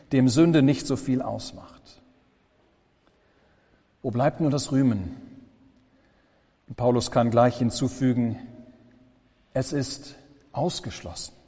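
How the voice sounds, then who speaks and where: Slow solemn preaching man in echoing church. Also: medium pitch, warm tone, breathy edge. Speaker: pastor. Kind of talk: sermon. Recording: long church reverb, dull lo-fi sound.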